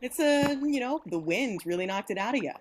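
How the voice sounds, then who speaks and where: A woman's voice: a little high, lively intonation, fairly quick, a little hiss or hum. A woman acting teacher leading a class through a spooky imagined walk in second person, playful and encouraging. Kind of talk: guided imagination exercise.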